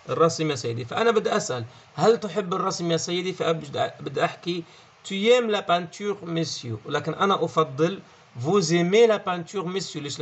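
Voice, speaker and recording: A man's voice: on the high side, a bit bright. A man with a Levantine Arabic accent teaching French in an explanatory lesson, often checking in and repeating key words. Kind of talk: online language lesson.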